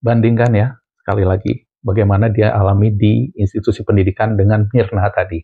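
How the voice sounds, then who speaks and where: A man's voice: lowish voice, level tone, brisk, vocal fry, husky, no room sound. A man from Indonesia hosting a vlog, giving emphatic commentary on video clips and repeating his points. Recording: tinny phone-like sound.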